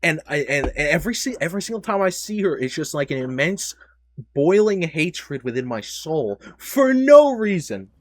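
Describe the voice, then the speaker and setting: A man's voice: a little high, sing-song, moderate pace, no room sound. Young man rambling in casual chat. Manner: rambling, self-deprecating, bursts of loud exclamation. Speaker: podcast host.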